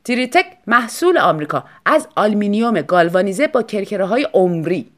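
A woman voicing a polite travelling salesman making his pitch, in a storybook reading. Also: sing-song, a bit bright.

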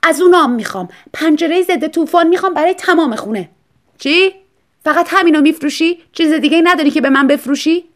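A woman voicing a volatile, newly rich woman writer who talks loud and demanding in a storybook reading. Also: high voice, pitched above the performer's own voice, close to an everyday voice.

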